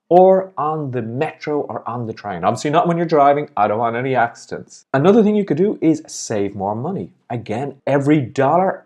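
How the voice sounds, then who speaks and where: Male motivational coach, cheerful and encouraging, very animated intonation. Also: fairly high pitch. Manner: upbeat, encouraging, smiling as he speaks. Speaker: life and business coach, host. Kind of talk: motivational video talk.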